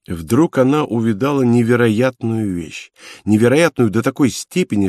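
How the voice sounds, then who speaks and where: A man narrating a classic novel in a measured, grave storytelling manner. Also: mid-range voice, dark tone, no echo, studio quality. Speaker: audiobook narrator. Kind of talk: dramatic literary narration.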